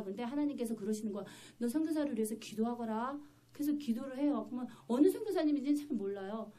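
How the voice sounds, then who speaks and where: A woman's voice: a little high, mellow. A woman pastor preaching a sermon in church, telling her story vividly and with emphasis.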